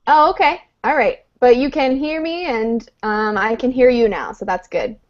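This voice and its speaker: A woman with a slightly high voice teaches an English class online at a moderate pace. She explains patiently step by step, saying "um" often, in a live lesson with dull lo-fi call audio.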